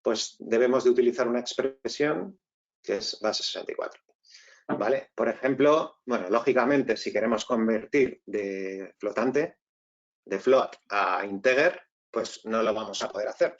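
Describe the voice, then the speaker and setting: A man's voice: mid-range voice, unhurried, lo-fi sound. A man with a Spain Spanish accent presenting an online tech tutorial, explaining step by step and often checking in with the audience. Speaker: webinar presenter.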